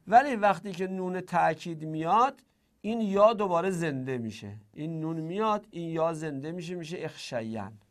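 Guy teaching grammar class, kinda high voice, repeats stuff slow, asks and answers himself. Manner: explanatory, repeats forms slowly and asks rhetorical questions. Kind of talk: classroom lecture.

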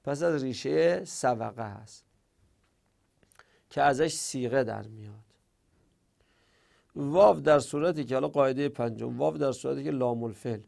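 A man's voice: mid-range voice, creaky, long pauses, a little mellow. A man teaching a grammar lesson to a class, explaining each rule step by step and answering objections he imagines his students raising.

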